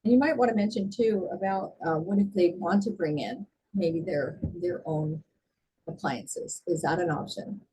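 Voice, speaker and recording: A woman with a mellow, dark tone sounds set back from the microphone, with clear noise around her. She co-hosts a house tour casually, relaying questions in somewhat halting phrases. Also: lowish voice. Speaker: co-host relaying viewer questions. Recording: distant mic with clear background noise.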